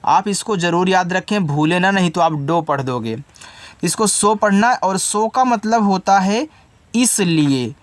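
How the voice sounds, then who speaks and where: A man's voice: high-pitched, dry recording. A man with a Hindi accent teaching English word by word, patient and repetitive, often asking a question and then answering it himself. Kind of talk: spoken lesson explaining word by word.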